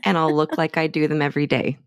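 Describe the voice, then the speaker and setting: Middle-aged woman from Hawaii, candid interview guest, slightly low voice, dry recording. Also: steady tone, fast, dry recording. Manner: candid, chatty, self-assured. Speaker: interviewee, clinic staff member. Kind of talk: casual interview.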